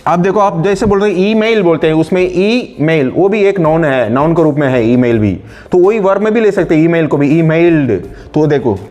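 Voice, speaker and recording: A man teaching English grammar in Hindi, explaining words slowly and reading out English example sentences. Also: a little high, expressive, a little mellow. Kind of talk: online spoken-English lesson in Hindi.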